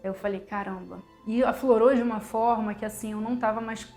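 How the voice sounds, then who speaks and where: Rio-woman in her 40s, kinda high voice, heartfelt story, faint music under it. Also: level tone, quick pace, darkish tone. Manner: heartfelt storytelling, quotes family, tag questions like "sabe?" and "né?". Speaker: medical doctor telling her life story. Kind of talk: personal testimony.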